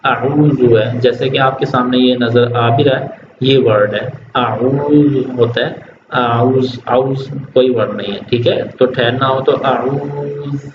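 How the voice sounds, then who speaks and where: A man teaching children Quran reading in Urdu, who draws out each word slowly as he models recitation and then explains quickly, with a Pakistani Urdu accent. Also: medium pitch, steady tone. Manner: stretches words slowly when modeling recitation; explains quickly in between examples. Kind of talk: online tajweed lesson for children. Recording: dull, echoey, noisy room.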